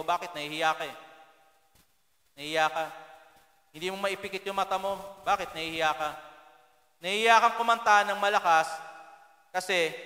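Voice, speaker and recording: Bright high-voiced Filipino preacher in echoey hall. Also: male voice. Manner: conversational, often asks the congregation rhetorical questions. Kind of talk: Filipino church sermon. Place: church sanctuary.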